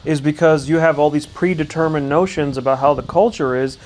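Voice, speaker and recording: A man's voice: a little high, steady tone, a little mellow. A man co-hosting a casual chat, brash and swearing a lot as he gives his views. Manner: brash, profane, quick-talking. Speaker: podcast co-host.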